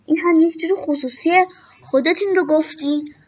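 Woman putting on a tiny storybook forest girl, blunt, curious, high voice, dull lo-fi sound. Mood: cheerful. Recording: dull lo-fi recording.

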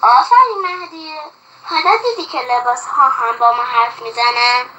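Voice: sits high, highs cut off, a little hiss or hum. A child reading as a kind patient mother. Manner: read aloud in a gentle instructive tone. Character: kind mother teaching her young daughter. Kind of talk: children's story read aloud.

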